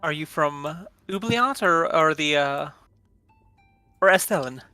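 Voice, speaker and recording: A courteous noble host at a fantasy dinner table, put on by a man, with a bright, forceful voice. He picks his words politely and stalls on small fillers, keeping a measured, careful tone. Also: fairly high pitch, animated, soft background music, full character voice.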